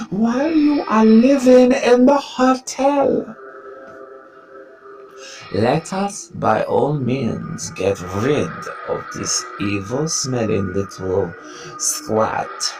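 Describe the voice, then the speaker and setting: A woman playing the imperious Grand High Witch. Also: a bit bright, heavily acted. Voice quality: commanding, clipped foreign-sounding broken grammar. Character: imperious, cruel female witch leader.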